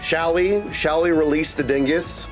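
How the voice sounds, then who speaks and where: A high-voiced male game streamer keeps a steady tone and measured pace, with faint music in the background. His casual livestream chat is goofy, theatrical and playful, sprinkled with invented silly words and repeated calls to "my dudes" and "my friends." He records indoors at a desk streaming setup through a streamer mic and headset.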